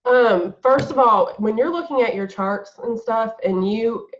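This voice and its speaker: A woman's voice: fairly high pitch, a little slow, highs cut off, a little hiss or hum. A woman giving earnest, direct motivational advice on a video call. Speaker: guest team leader.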